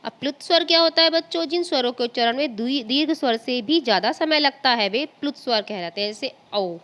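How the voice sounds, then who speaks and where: Indian woman, schoolteacher, slow explaining delivery, bright higher voice. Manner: patient, addresses pupils often, spells out sounds slowly. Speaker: school teacher. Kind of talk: recorded classroom lesson.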